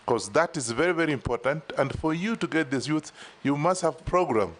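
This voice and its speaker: A man's voice: on the high side, animated, a little fast. A man from Kenya with a Kenyan accent questioning a nominee in a parliamentary hearing, direct and emphatic, repeating words for stress. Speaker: member of parliament on a vetting panel.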